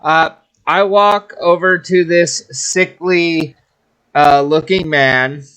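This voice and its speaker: Slow, halting man playing a tabletop game. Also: on the high side, fairly even intonation, sharp tone, smooth. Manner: halting, slow speech with fillers. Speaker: player. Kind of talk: tabletop game role-play.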